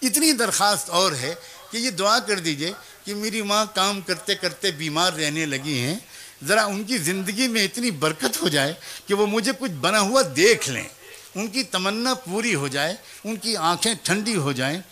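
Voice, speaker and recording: A man in a sermon voicing a humble, tearful young orphan boy who pleads softly with his teacher. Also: high-pitched, expressive.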